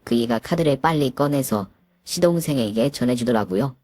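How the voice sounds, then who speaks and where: A woman with a low voice narrates a dramatized family story in the first person. She shifts into sharp, indignant retorts when her own character argues. The recording is dry and close. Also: expressive, moderate pace, no room sound. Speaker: narrator and lead daughter-in-law.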